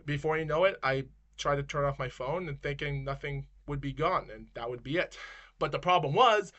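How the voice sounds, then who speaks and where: Bright-voiced man rambling a story. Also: on the high side, normal speed. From Maine, United States. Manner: rambling, restarts sentences, keeps addressing viewers as guys. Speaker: YouTuber telling a personal story. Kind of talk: casual storytelling vlog.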